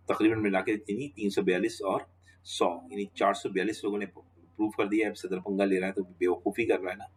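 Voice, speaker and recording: A man's voice: fairly low pitch, breathy edge. A man giving a law lecture, walking students through each step and repeating questions back to the class.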